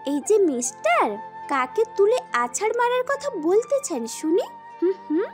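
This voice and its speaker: A woman voicing a feisty, sharp-tongued young woman in an audio story drama, teasing and scolding. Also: extremely high pitch, very animated, normal speed, faint music behind.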